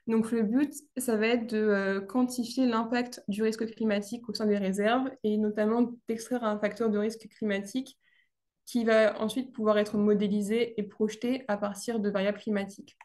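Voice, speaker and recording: Young woman, thesis presentation, hesitant with frequent fillers, mellow voice. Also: mid-range voice, little pitch movement, normal speed. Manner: hesitant, many fillers and restarts. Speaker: student presenting her actuarial thesis.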